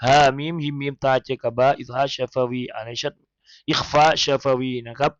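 A man teaching Quran recitation. He spells verses letter by letter in a chanted tone, then explains how each sound is made, slowly and politely. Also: mid-range voice, fairly even intonation, dry recording, muffled recording.

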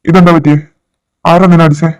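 A man voicing an older, hot-tempered father who is recovering from surgery and loudly demands answers in a fan audio drama. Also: high voice, a little fast, natural voice. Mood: angry.

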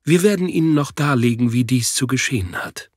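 A man voicing a solemn old priest who speaks low and deliberately, in an audiobook. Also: lively intonation, no room sound, studio quality, lightly acted.

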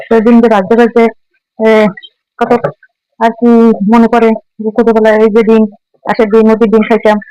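A home cooking vlogger from Barishal chats casually while she cooks and reminisces, her Barishal Bangla accent blended with Dhaka speech. Her voice is a little high, mellow, clear and resonant. The recording is muffled, with no room sound.

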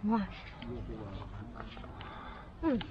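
A woman's voice: drawn-out words, highs cut off, very noisy. A woman filming a casual vlog outdoors in an orchard, chatting and exclaiming with delight. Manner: excited exclamations while picking fruit. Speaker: vlogger.

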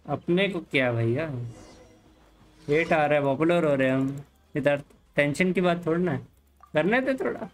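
A man with an Indian accent streaming a game live, talking casually with viewers, mixing Hindi and English and telling the chat to calm down. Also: on the high side, moderate pace, pauses often, rough recording. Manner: easygoing, mixes Hindi and English, calms the chat. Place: home room, hot.

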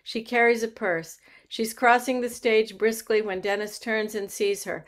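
A woman's voice: a little high, steady tone, a little slow. Woman reading stage directions.

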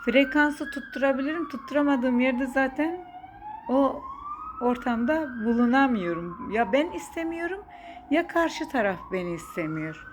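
A woman's voice: sits high, lively intonation, moderate pace, background noise. A middle-aged woman hosting a podcast, chatting casually and playfully and laughing often. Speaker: podcast host. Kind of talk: casual chat.

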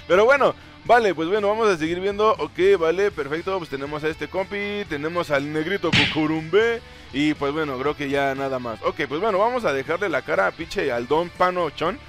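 A man with a Mexican Spanish accent giving excitable, profane gameplay commentary and reading game text aloud. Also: fairly high pitch, moderate pace, over music. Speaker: gaming YouTuber.

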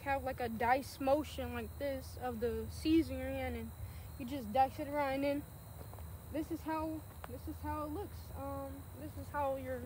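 Teen girl w kentucky accent showing folks around a farm, high voice, lots of ums, outdoor noise behind her. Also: a little mellow, rough recording. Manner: chatty, loose, many ums while walking and pointing. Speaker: youth farm tour guide. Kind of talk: casual guided farm tour for online viewers. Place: outdoors on an open urban farm field. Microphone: camera held by a person following a few feet behind. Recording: outdoor field noise on a handheld camera.

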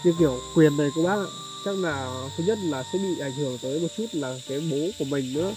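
A man's voice: fairly high pitch, quick pace, poor audio. Man, charity vlogger, outdoors, polite, lots of fillers, faint music behind. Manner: polite, addresses viewers often, many fillers. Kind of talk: vlog narration and chat on location. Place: outdoors in a highland village.

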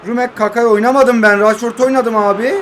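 A young man in his twenties giving casual, excitable play-by-play of his mobile football game, joking and talking to his viewers as friends. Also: very high voice, a little fast, slight background noise. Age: 20s. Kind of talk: casual gameplay commentary.

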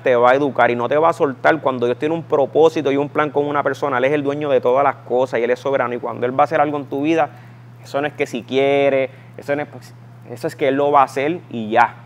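Emphatic Puerto Rican man telling his testimony. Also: mid-range voice. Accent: Puerto Rican Spanish. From Puerto Rico. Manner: storytelling, emphatic, acts out voices in quotes. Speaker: guest giving a testimony. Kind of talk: personal testimony in conversation.

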